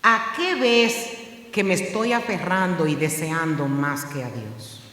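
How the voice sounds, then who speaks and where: A woman pastor, preaching a sermon with impassioned delivery that climbs from hushed to loud. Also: sits low, takes it slowly. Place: church sanctuary. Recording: very echoey, reverberant church hall.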